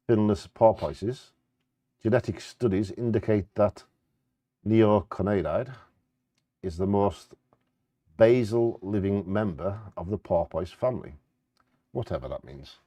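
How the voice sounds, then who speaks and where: Low, mellow man reading facts aloud. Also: no echo.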